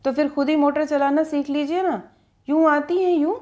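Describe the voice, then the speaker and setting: A woman's voice: high voice, animated, normal speed, a little mellow, dull audio, voice pushed up. A woman voicing a cheeky young male chauffeur who teases and coaxes in a playful, mocking way. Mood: teasing.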